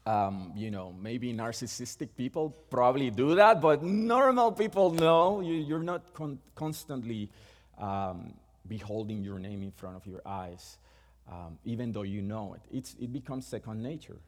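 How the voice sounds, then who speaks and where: Preaching with frequent stops and restarts, this middle-aged man from Puerto Rico speaks with a Puerto Rican accent, Spanish being his first language. His medium-pitched voice trails off into a long reverb tail.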